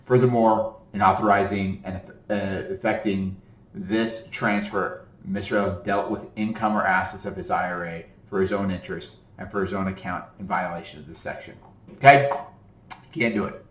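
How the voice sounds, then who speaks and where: A man's voice: low-pitched, fairly even intonation, normal speed, reverberant, poor audio. A male attorney casually teaching retirement-account law, reading passages from a court ruling aloud and breaking off to explain them, with frequent "okay?" checks and a slightly tired voice. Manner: reads legal text then breaks off to explain, with frequent "okay?". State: voice tiring.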